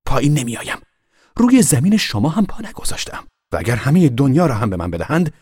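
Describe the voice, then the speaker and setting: Loud bragging boy up a tree, a man doing him: high, husky, defiant shouts. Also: huge pitch swings, no room sound, studio quality, heavily acted. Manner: shouting, boastful.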